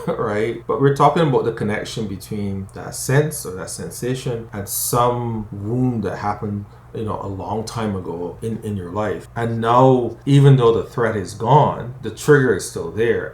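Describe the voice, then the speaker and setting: A conflict coach and psychologist from Barbados gives an educational talk to camera, speaking conversationally in a lowish voice and frequently asking "right?". The recording has a roomy echo.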